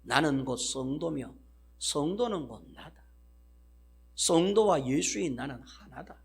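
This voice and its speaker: A male pastor preaching a sermon in an emphatic, dramatic way, swinging from loud declarations to hushed asides. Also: a little high, animated, measured pace, creaky, slightly rough.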